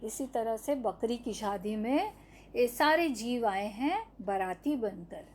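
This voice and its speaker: A woman's voice: fairly high pitch, lively intonation, slow pace, darkish tone, slight background noise. A woman teaching an online lesson to young children, stretching out each syllable and answering her own questions. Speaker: primary school teacher.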